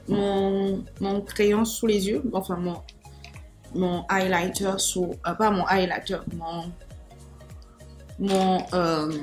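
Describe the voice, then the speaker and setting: A woman chatting through a makeup tutorial in a playful, self-mocking way, speaking straight to her viewers. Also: medium pitch. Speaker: makeup vlogger.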